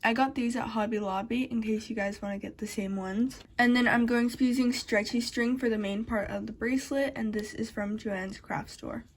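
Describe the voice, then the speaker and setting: A woman's voice: a little high, fairly even intonation, normal speed, hardly any pauses. A woman hosting a casual craft tutorial, chatting straight to her viewers, her speech slightly altered by the retainers she is wearing. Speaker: DIY craft vlogger.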